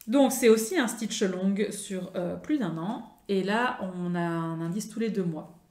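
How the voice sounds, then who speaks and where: A woman's voice: mid-range voice, measured pace, a little mellow, roomy sound. A woman with a French accent chatting casually about her craft projects, with many fillers and restarts. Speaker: craft vlogger. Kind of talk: casual show-and-tell chat.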